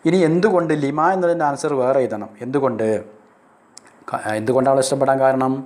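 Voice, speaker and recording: A male Arabic teacher from Kerala explaining a lesson step by step, speaking Arabic phrases slowly and then translating them. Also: mid-range voice, steady tone, a little mellow. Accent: Kerala Malayalam. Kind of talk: recorded classroom lesson.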